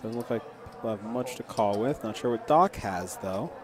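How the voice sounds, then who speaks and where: A man doing live poker stream commentary in a low-key, hesitant way, with short, clipped play-by-play phrases. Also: normal speed, a crowd in the background.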